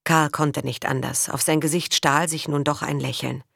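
A woman narrating a story in a calm, measured way, as an audiobook reader. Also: deep voice, creaky, husky, dry recording. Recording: dry close mic.

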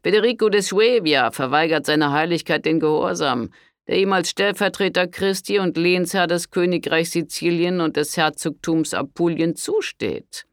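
A man's voice: fairly high pitch, no echo, clean studio sound, pitched above the performer's own voice, close to an everyday voice. A man voicing a pompous armored count. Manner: slow, pompous and formal.

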